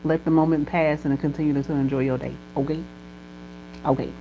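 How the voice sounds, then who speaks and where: A woman's voice: low voice, fairly even intonation, fairly quick, highs cut off, heavy background noise. A woman chatting casually on a live stream, addressing her viewers and speaking blessings over them.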